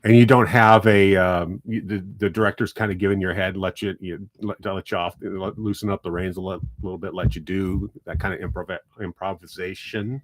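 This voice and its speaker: A man's voice: deep voice, steady tone, moderate pace, hardly any pauses. A middle-aged man hosting a local radio talk show in the studio, joking and rambling with many restarts as he interviews students.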